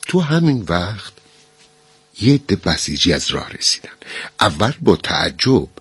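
Husky-voiced man telling a story. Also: deep voice, no echo. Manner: animated storytelling, switching voices for characters. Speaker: narrator. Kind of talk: storytelling narration.

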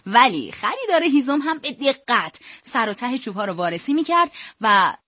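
A woman's voice: fairly high pitch, sing-song, sharp tone, no room sound, studio quality. A woman co-hosting a show in a playful, scripted presenting style. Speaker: radio show co-host.

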